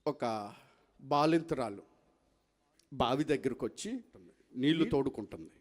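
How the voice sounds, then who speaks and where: A man preaching a sermon as a pastor. He repeats phrases, calls on the congregation to answer, and swings from quiet speech to loud cries. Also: medium pitch, lively intonation, measured pace. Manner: tells stories acting out dialogue.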